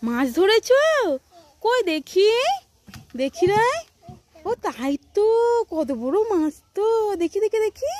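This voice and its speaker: A woman's voice: extremely high pitch, big pitch swings, slow, darkish tone. A woman talking to her small child in a coaxing, sing-song way, asking many questions. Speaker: mother filming her child. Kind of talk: casual chat with a child.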